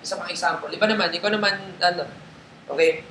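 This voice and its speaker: Bright-voiced man coaching a roomy hall. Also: sits high, fast. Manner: casual, mixes English into Tagalog, checks in with listeners often. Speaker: network marketing trainer. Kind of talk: live coaching session to a group. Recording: roomy echo, faint background noise.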